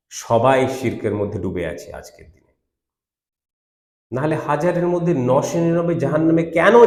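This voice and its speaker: A man teaching a Quran commentary lecture, arguing his points emphatically and asking rhetorical questions. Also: medium pitch. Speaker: Islamic teacher. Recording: roomy echo.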